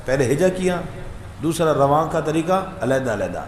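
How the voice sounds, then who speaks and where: A fairly high-voiced man teaches Quran recitation, chanting each letter sound slowly in a sing-song drill and firing questions at his listeners. He has a Pakistani Urdu accent. His voice rings in an echoey room over a faint hum of background noise. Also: expressive.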